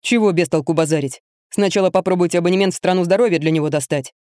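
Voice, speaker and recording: A woman voicing a calm, blunt young male fitness trainer who speaks curtly and matter-of-factly. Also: fairly low pitch, fast talker, dry recording, clean studio sound, natural voice. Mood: cool. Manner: cool, curt, matter-of-fact.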